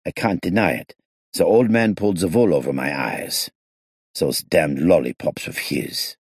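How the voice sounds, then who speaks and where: A man's voice: low voice, normal speed, husky, no echo, clean studio sound. A man reading an audiobook, voicing a smug, self-pitying middle-aged male criminal in a raised, whining voice.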